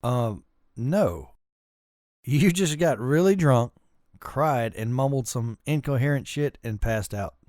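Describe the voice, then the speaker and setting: A man's voice: mid-range voice, lively intonation, slow pace, darkish tone, dry recording, clean studio sound. A man voicing a tired young friend who talks bluntly and curses casually. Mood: blunt, weary.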